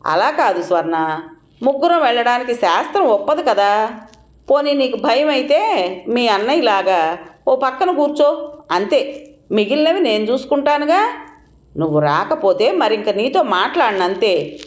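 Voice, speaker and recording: A bossy, scheming middle-aged sister-in-law, put on by a woman reading a storybook tale, her voice lifting high as she coaxes and scolds. Her tone swings up and down with sly reproach. The recording has a roomy echo. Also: sing-song, normal speed, long pauses. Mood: reproachful.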